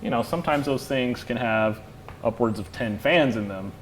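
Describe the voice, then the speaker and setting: A man explaining a lighting fixture in a casual demo chat, relaxed and rambling, with lots of "you know". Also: mid-range voice, moderate pace, a little hiss or hum. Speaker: lighting product expert.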